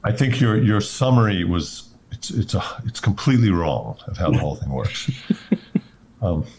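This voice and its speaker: Joking, lively-voiced male guest. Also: low-pitched, moderate pace. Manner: joking, self-deprecating rambling. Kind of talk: casual chat.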